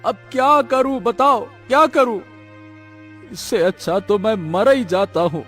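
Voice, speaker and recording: A man voicing a squeaky excitable woodcutter. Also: takes it slowly, soft background music. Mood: despairing.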